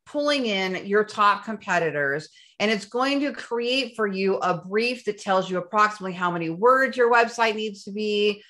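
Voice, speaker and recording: Woman, screen-share tutorial, enthusiastic, bright voice, middle pitch. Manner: enthusiastic, gets breathless with excitement. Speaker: SEO instructor.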